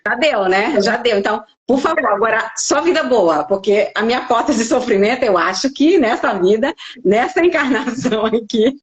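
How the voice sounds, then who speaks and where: A middle-aged woman with a Brazilian Portuguese accent tells her stories with feeling. She acts out the dialogue she quotes. Her voice sits fairly high. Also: expressive, moderate pace. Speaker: podcast guest, life coach. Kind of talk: casual conversation.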